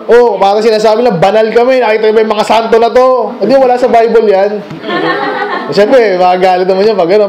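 A man's voice: extremely high pitch, warm tone, low-quality recording. A man with a Filipino accent, preaching a midweek Bible study sermon in a conversational way, full of rhetorical questions and English phrases. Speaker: pastor. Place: church meeting room.

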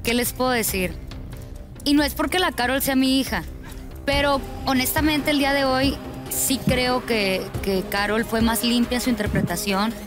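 Woman, talent show judge, high pitch, casual joking, music behind. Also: moderate pace.

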